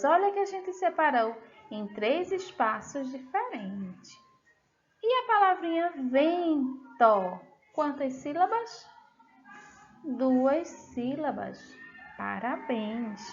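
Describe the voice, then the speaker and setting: A Brazilian woman teacher with a Brazilian accent, slowly walking young children through a lesson in a sing-song way. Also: high voice, fairly bright tone, lo-fi sound. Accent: Brazilian Portuguese. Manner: slow, sing-song teacher talk, drawing out words. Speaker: first-grade teacher.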